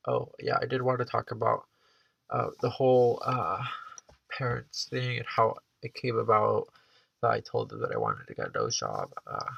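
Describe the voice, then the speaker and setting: A young man in his early twenties rambles through a personal vlog with a heavily creaky, fry-laden voice. His nose sounds blocked and stuffy, and he talks hesitantly with lots of filler words. The recording is close and dry, with dull, lo-fi sound. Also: medium pitch, expressive, normal speed, a bit bright, no echo. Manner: hesitant and rambling, heavy use of "like". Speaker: vlogger.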